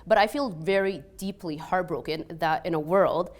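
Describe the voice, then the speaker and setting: A restaurant owner and peace scholar in her thirties from Egypt tells personal stories on a panel at a moderate pace, in a lowish voice. A slight Egyptian Arabic accent shows through her mostly Canadian-sounding speech. She's lively and conversational, heavy on "like" and "you know", and she acts out the exchanges she quotes.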